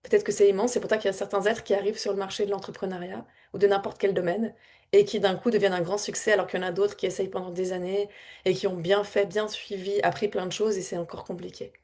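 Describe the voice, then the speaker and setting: A woman spiritual coach talking casually and reflectively to her audience, wandering through her thoughts with frequent repeated words, soft laughs and heartfelt emotion. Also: medium pitch, level tone, fast talker. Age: adult with a child. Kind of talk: casual spontaneous reflective talk.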